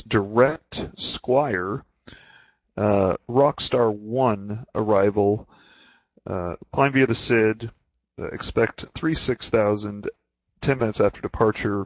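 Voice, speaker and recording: A man's voice: medium pitch, dry recording. A man speaking as a pilot on air traffic control radio, reading back instructions in clipped, slightly hesitant phrases. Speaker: airline pilot. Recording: dull, dry radio audio.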